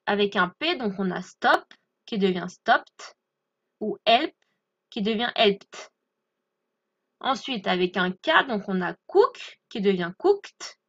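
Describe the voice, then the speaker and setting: A woman giving an English grammar lesson, explaining clearly and patiently and checking in with her listeners. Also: mid-range voice, fairly bright tone, lo-fi sound. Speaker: English teacher. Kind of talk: French-language English lesson.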